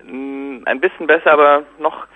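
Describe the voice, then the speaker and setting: A man being interviewed over the phone. He speaks in a thoughtful, halting way and often pauses to search for words. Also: fairly high pitch, fairly even intonation, no echo. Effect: thin phone-line sound, like a headset call. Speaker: interview guest. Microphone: telephone. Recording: tinny, dry phone line.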